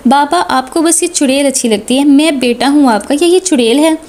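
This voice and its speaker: Woman voicing a young man, flustered, scolding, high voice, storybook reading. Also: fairly quick, a little mellow, natural voice. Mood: flustered, angry. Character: teasing man, cousin, easily angered.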